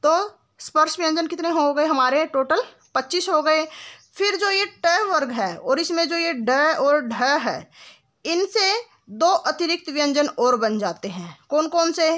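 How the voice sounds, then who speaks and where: A woman's voice: high voice, lively intonation, fairly bright tone. A woman teaching Hindi grammar. She asks a question, answers it herself, adds "ठीक है" again and again, and speaks to the students affectionately as "बेटा". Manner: calls the listener "बेटा", patient and instructive; stretches sounds and examples out slowly. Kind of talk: classroom lesson explanation.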